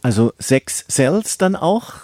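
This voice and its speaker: A man's voice: a little high, big pitch swings, slow, darkish tone, dry recording, studio quality. A man interviewing an author, asking probing follow-up questions.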